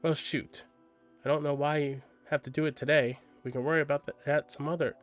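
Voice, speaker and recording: A man reading aloud and voicing a gruff, salty old grandmother who curses and teases. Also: a little high, little pitch movement, brisk, soft background music, close to an everyday voice. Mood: gruff teasing. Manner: brash, cursing, mock-scolding.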